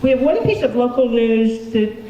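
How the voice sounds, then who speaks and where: A woman's voice: fairly high pitch, expressive, normal speed, warm tone, distant mic, highs cut off. Upbeat woman hosting a club meeting. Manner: upbeat, chatty, frequent ums. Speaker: branch meeting host. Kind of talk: casual meeting announcements. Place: meeting hall with audience. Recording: echoey hall, recorded from afar, audience noise.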